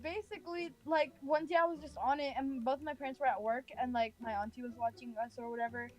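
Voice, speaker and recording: Telling a personal story in a casual, rambling way, this young Californian woman peppers her speech with "like." She talks fast in a high, steady voice with a darkish tone.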